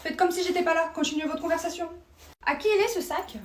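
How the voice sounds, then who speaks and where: A woman's voice: very high-pitched, fast, reverberant, far from the mic, voice pushed up. A woman voicing a suspicious mother who pries into her teenage daughter's business with fake politeness, in a comedy sketch. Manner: prying, sing-song fake politeness. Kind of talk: comedy sketch role-play.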